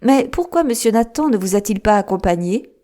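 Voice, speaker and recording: A woman voicing a sharp, composed male detective in an audiobook, with a lifted, emphatic delivery. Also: mid-range voice, expressive, fairly quick, pitched above the performer's own voice, lightly acted. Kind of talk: audiobook character reading.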